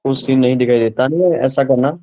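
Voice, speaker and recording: Over lo-fi sound, a man with a mellow, medium-pitched voice talks fast while tutoring a live online class. He is patient, going back over points and confirming his students understand.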